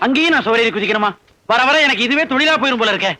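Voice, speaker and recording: An actor playing a put-upon office peon in a comedy film, complaining wryly. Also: male voice, extremely high pitch, lively intonation, racing, sharp tone, heavily acted. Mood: grumbling. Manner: complaining, wry. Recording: film soundtrack with clear music.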